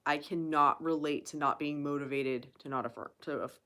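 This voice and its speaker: A woman's voice: sits low, steady tone, moderate pace, fairly bright tone. A woman hosting a casual live question-and-answer chat, speaking bluntly and emphatically with frequent swearing. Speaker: channel host.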